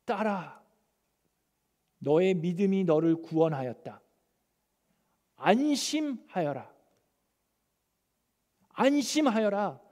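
A man voicing a compassionate divine teacher who speaks slowly and reassuringly. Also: sits high, animated, in a large hall, pitched above the performer's own voice. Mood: tender. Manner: tender, slow and reassuring.

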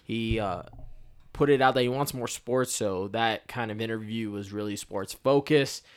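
A man's voice: lowish voice, normal speed, clean tone. A man co-hosting a casual sports podcast, talking in a laid-back, rambling way. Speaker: podcast co-host. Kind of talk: casual chat.

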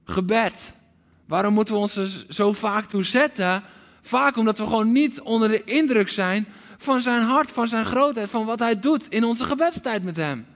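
A man preaching a livestreamed sermon with passion, moving from loud pleading calls to hushed, almost whispered lines. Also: sits high, normal speed. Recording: long hall reverb.

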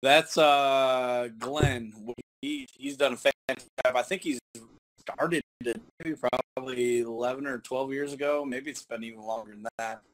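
A man's voice: medium pitch, steady tone, normal speed. Man, podcast co-host, upbeat, enthusiastic, casual. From New York.

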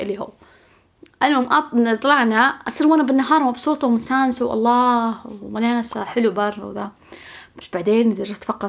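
A mid-range voice with vocal fry belongs to a woman vlogger speaking in Saudi Gulf Arabic. She chats casually through a story for viewers, often repeating herself and at times lowering to a whisper.

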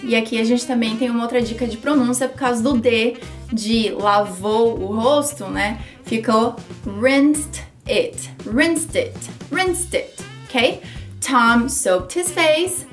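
A Brazilian woman teaching English pronunciation, cheerful, laughing often and repeating words slowly. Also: fairly high pitch, a bit bright. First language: Portuguese. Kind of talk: bilingual pronunciation lesson.

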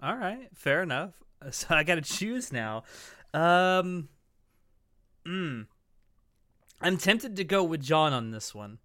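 A man's voice: fairly high pitch, sing-song, takes it slowly, long pauses, bright, forceful tone, dry recording, clean studio sound. A man in casual game chat, playing along and often thinking aloud. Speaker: player in a dating guessing game.

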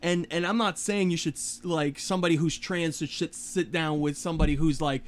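A man's voice: a little high, steady tone, a little fast. Emphatic, swearing man. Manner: emphatic, profane, filler-heavy. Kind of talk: casual chat.

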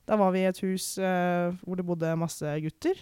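A young woman from Norway giving a candid, reflective personal account in conversation, pausing and restarting often. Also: lowish voice, steady tone, a little mellow, clean tone, no echo. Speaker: podcast guest.

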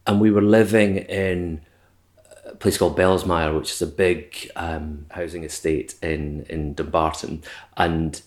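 A man's voice: low-pitched, fairly even intonation, unhurried, darkish tone. A Scottish man in his forties, the interview guest, recalling his childhood in a reflective, hesitant way with many restarts. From Scotland. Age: 40s. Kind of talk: casual conversation.

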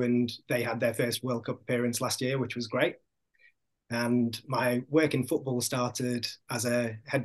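A man with a Hull accent giving measured, explanatory answers as a guest in an interview. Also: mid-range voice. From Hull, Yorkshire, England. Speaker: podcast guest, sports doctor.

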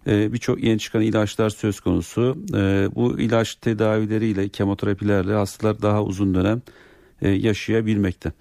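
Male doc giving advice on radio, gravelly and mellow, explaining stuff to callers. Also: lowish voice, level tone, a little fast, no room sound, clean studio sound. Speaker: doctor answering callers. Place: radio studio.

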